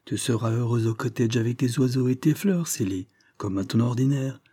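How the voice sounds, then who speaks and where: Man reading a brooding young lord, terse, quiet replies, husky mellow voice. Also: mid-range voice, normal speed, dry recording, clean studio sound, natural voice.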